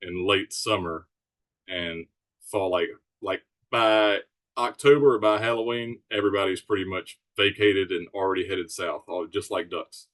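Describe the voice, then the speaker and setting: Podcast guest: easygoing man, fairly low voice, informal and explanatory. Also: normal speed, a bit bright. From Alabama Gulf Coast, United States. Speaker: podcast guest, charter sailboat captain. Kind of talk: casual chat, explaining.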